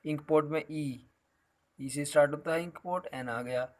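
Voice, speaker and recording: A male teacher walks his students through a grammar lesson. His voice sits a little on the high side, and he explains patiently, slipping in a fond "beta" as he goes. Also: moderate pace.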